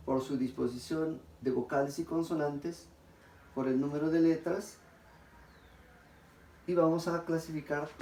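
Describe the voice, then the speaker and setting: A man lectures like a teacher at the front of a class, his voice a bit high and mellow. He drags out example words slowly and keeps checking in with his listeners. The room is echoey, with faint noise underneath.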